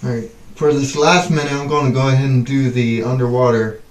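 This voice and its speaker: A man in his twenties hosting a casual stunt vlog, talking in halting bursts and exclamations as he deals with the cold. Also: mid-range voice, fairly even intonation. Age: 20s. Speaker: video host. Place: small bathroom, in the tub, filmed by another person's handheld camera. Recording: echoey bathroom with noticeable background noise.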